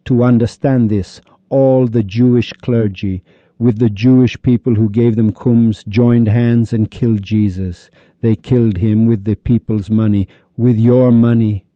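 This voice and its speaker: A man from Iran giving a heated, upset religious monologue, scolding listeners with insults and rapid-fire rhetorical questions. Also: mid-range voice, fairly even intonation, no echo. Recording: dull lo-fi recording.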